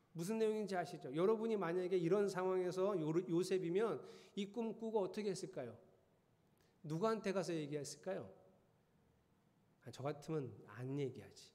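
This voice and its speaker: Middle-aged man, pastor, chatty sermon, slightly high voice, long church-hall reverb. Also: warm tone. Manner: conversational, teasing the congregation with questions. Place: church sanctuary.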